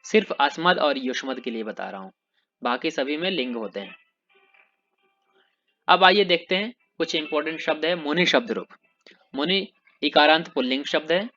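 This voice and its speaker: A man teaching Sanskrit grammar, slowly reciting word forms one by one and then explaining them in plain, simple terms. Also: a little high, lively intonation, bright, forceful tone, dull audio, faint music behind. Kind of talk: recorded grammar lesson.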